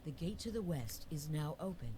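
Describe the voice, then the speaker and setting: A woman's voice: low voice, expressive, normal speed, noisy background. A woman giving dramatic, scripted narration as a solemn dungeon master in a fantasy video game.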